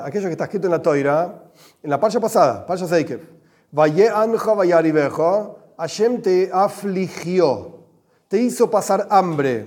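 A man with an Argentine Spanish accent gives a religious class, animated and joking, with Hebrew terms mixed in. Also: a little high. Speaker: religious teacher. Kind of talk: lively class with everyday examples.

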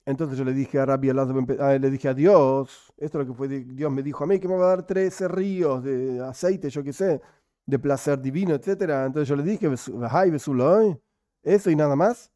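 A man teaching a Talmud study class. He reads the Aramaic slowly and then explains it casually. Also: mid-range voice, mellow, dry recording, clean studio sound.

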